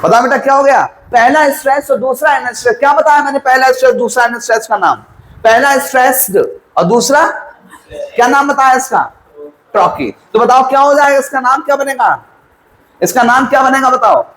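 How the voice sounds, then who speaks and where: A man's voice: very high voice, moderate pace, long pauses, fairly bright tone, echoey room, rough recording. A male teacher giving a lesson, quizzing students and answering his own questions, mixing Hindi with English terms. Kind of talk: classroom lecture.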